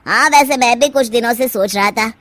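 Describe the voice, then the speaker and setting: A woman's voice: fairly high pitch, a little fast, a bit bright, no room sound, natural voice. A woman voicing a pliant young husband in a cartoon story, mild and hesitant.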